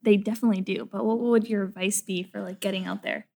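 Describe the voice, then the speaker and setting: A woman's voice: medium pitch, steady tone, quick pace, vocal fry, darkish tone. A young woman from a small town in Canada hosts a podcast, sounding enthusiastic and chatty and often saying "like". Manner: enthusiastic, chatty, says "like" a lot. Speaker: podcast host. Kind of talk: podcast interview.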